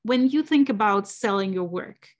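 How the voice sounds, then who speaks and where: A woman's voice: medium pitch, expressive, normal speed. A woman in her forties hosting a video-call interview, asking loose, casual questions. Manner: casual, filler-heavy questions with many "like"s. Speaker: podcast host. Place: home room with shelves of yarn.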